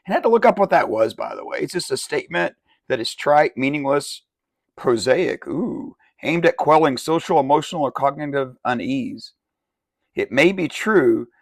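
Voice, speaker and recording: A man fires off exasperated questions in a mock interview. His voice sits a little high and turns gravelly at the ends of phrases. The recording is very dry and close. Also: no echo. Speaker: satirical interviewer.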